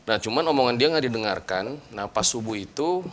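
A young man casually telling a personal ghost story in conversation, animated and acting out the voices of the people in it. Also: medium pitch, brisk. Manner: animated, acts out quoted voices. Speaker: guest storyteller.

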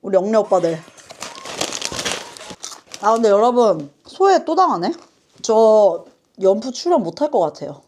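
A woman hosting a reaction video, chatting casually with quick asides and frequent apologies. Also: medium pitch, very animated, darkish tone, slight background noise.

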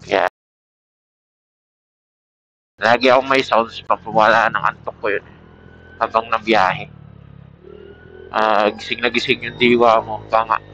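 Heard on a muffled, band-limited Bluetooth helmet intercom mic, a Filipino motovlogger with a bright but lowish voice talks a little slowly and flatly, leaving long pauses. He rambles casually and pitches a product while riding a motorcycle outdoors at night, with a little hiss or hum present.

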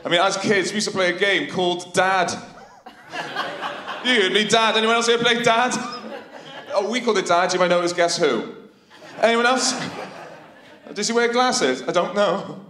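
A man's voice: high voice, normal speed, pauses often, sharp tone. A man in his thirties with a Welsh Valleys accent, performing a cheeky, sweary stand-up routine with punchy delivery into a handheld microphone. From Wales, the Valleys. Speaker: stand-up comedian. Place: large theatre stage, indoors. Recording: echoey theatre stage sound.

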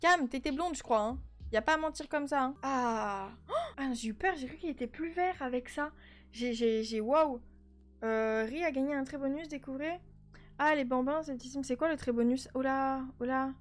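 A woman's voice: sits high, moderate pace. A woman commenting her life-simulation game in a chatty, joking, often exasperated way. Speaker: gaming YouTuber. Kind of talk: Let's Play commentary.

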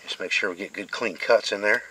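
A man's voice: fairly low pitch, a little fast, pushed and bright, husky, low-quality recording. A middle-aged man teaching bushcraft outdoors, explaining step by step as he carves a stick. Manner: plain, step-by-step explaining while carving. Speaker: bushcraft instructor. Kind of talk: hands-on outdoor demonstration. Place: outdoors, working on a wooden board.

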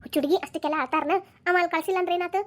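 A woman's voice: very high-pitched, steady tone, very fast. A woman voicing an older mother who comforts her daughters with soothing, practical words, in a Dharwad Kannada accent. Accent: North Karnataka (Dharwad) Kannada.

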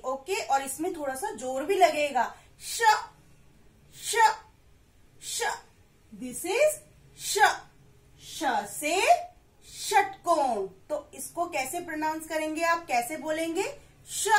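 A woman teaching a class for young children, slowly repeating words and asking questions she then answers herself, mixing English and Hindi. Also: high-pitched, roomy sound. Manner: slow and drawn-out, repeats words for kids.

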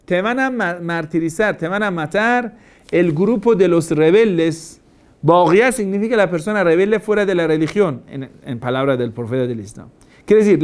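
A male cleric gives a religious lecture, stressing his points with repeated phrases and rhetorical questions. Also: high-pitched. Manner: asks many rhetorical questions. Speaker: Shia cleric.

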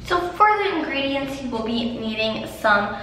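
A woman's voice: a little high, expressive, normal speed, bright, forceful tone, recorded from a distance, slight background noise. A woman vlogger giving a chatty, upbeat slime tutorial, her voice ringing with strong echo inside an enclosed hotel shower. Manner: chatty, filler-heavy, upbeat. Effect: strong echo from an enclosed shower stall. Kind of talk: casual slime-making tutorial. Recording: very echoey, from off-mic.

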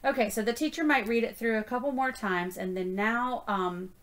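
Woman teacher, encouraging, explains each step slowly, reading lesson demo. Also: on the high side.

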